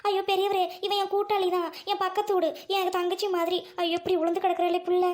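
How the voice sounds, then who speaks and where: A woman voicing a frantic young female friend in a cartoon, wailing and panicky in a very high squeaky voice. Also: level tone, fast talker. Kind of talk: cartoon voice acting.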